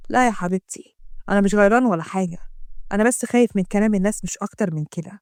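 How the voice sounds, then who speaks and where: A woman's voice: mid-range voice, racing, a little mellow, dry recording, studio quality, voice pushed down, natural voice. A woman voicing an arrogant, jealous rich young man, speaking with an Egyptian accent in a harsh, commanding way. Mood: defensive.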